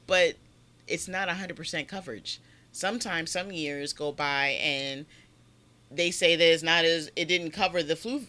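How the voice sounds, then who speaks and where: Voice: mid-range voice, sharp tone. A podcast co-host in casual chat, often laughing and reacting with disbelief. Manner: laughing, incredulous, chatty.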